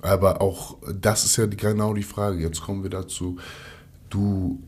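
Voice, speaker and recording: A man with a lowish, husky voice hosts a relaxed conversation. He asks long, probing questions and keeps checking that he is understood. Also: moderate pace. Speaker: host and football player. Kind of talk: casual chat.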